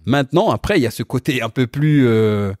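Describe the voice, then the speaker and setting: In a relaxed interview chat, the guest, a car company founder from Portugal, speaks fairly quickly and with animation, repeating himself while he gropes for words. His medium-pitched voice is slightly mellow, and the studio-quality audio carries no room sound.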